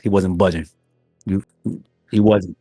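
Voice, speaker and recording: Animated man, slangy storyteller. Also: low voice, a little slow, slightly rough, faint music behind. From West Philadelphia. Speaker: podcast co-host. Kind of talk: casual wrestling podcast chat.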